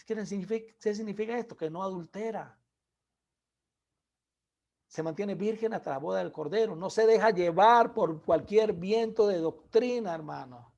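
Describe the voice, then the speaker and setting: A man preaching a sermon, earnestly exhorting his listeners and calling them brothers, dropping to a soft low voice on asides. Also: creaky, lo-fi sound.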